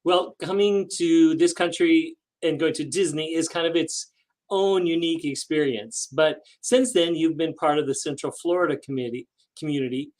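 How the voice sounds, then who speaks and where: A man's voice: on the high side, moderate pace, a little mellow. Man hosting a friendly interview. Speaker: host.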